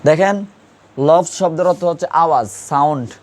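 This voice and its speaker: A man teaching Urdu grammar quizzes the class, asking questions again and again. His voice is a little high and his pace moderate.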